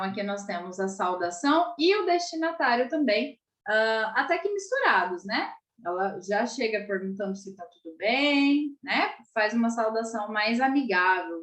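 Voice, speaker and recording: A woman's voice: mid-range voice, expressive, moderate pace, fairly bright tone. A Brazilian woman teacher giving a patient video lesson for children, checking in with frequent tag questions and sounding out syllables. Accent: Brazilian Portuguese. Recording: echoey room.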